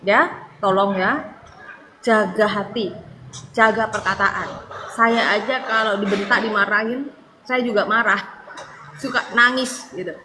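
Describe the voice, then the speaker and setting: A woman's voice: mid-range voice, fairly even intonation, a little slow, pauses often, background noise. A woman from Madura, an evangelist preaching on a live stream, earnest and pleading, near tears at times, ending many phrases with a tag word. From Madura, Indonesia.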